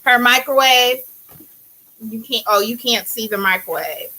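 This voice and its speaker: A woman's voice: on the high side, expressive, unhurried, sharp tone, rough recording. A woman joining a livestream over a video call, chatting casually about her cooking.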